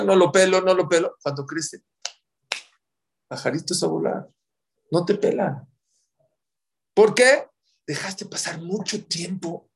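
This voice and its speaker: A man giving a sermon in a Mexican Spanish accent, telling stories in a lively way that swings from loud bursts to hushed asides. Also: on the high side.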